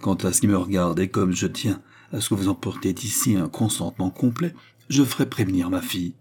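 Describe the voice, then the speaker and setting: A calculating old baron, stiffly courteous while weighing every advantage, voiced by a man. His voice is low and dark with a husky edge. The politeness sounds measured and strained. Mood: guarded.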